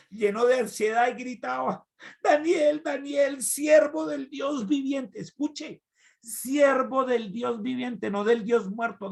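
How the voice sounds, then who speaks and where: A man preaching a sermon, retelling a Bible story with lively swings from loud cries to quiet asides. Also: high voice, creaky.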